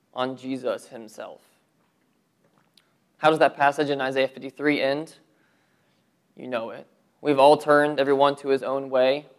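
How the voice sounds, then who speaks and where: Gravelly guy preaching, earnest pastor, goes quiet and low on the big points. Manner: earnest preaching with rhetorical questions, dropping low for emphasis. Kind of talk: sermon.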